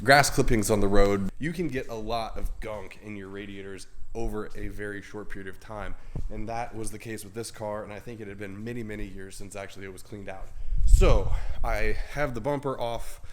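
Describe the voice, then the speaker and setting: In a noisy setting, a congested young man with a head cold talks casually from his home garage as host of a car channel. His voice is fairly low with fairly even intonation at normal speed, and his vlog chatter is self-deprecating and rambling, full of fillers.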